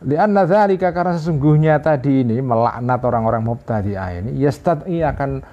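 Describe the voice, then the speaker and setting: A man's voice: mid-range voice, animated, fairly quick. A man teaching an informal religious lesson, translating Arabic phrases line by line and often adding "ya". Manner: explains Arabic text phrase by phrase with frequent "ya". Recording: dull lo-fi recording.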